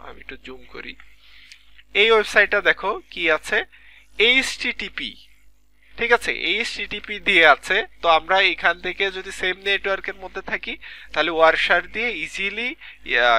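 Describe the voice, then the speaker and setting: A man's voice: high-pitched, sharp tone. A man teaching a live online class from a computer mic, explaining step by step and checking in with students often, with a Bangladeshi Bengali accent. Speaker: lecturer.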